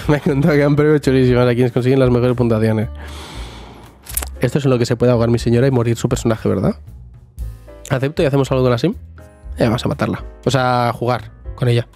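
A man's voice: mid-range voice, fairly even intonation, fast talker, pauses often, darkish tone, faint music behind. A man streaming a life-sim game live, chatting jokily with viewers and talking to his character. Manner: chatty, jokey, talks to chat and to the sim. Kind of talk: casual live gameplay chat.

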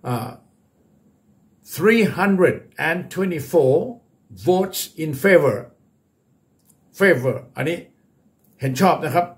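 A male English teacher with a Thai accent gives a bilingual vocabulary lesson. He speaks very slowly and deliberately, spelling out numbers and key words one at a time. His voice sits a little higher than most men's. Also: expressive. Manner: slow, deliberate, repeats words for learners.

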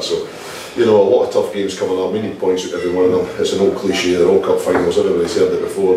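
A middle-aged Scottish football manager giving a post-match interview, talking quickly with lots of "you know" fillers. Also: male voice, sits low, heavy reverb, far from the mic, rough recording. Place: indoor press area in front of a sponsor board.

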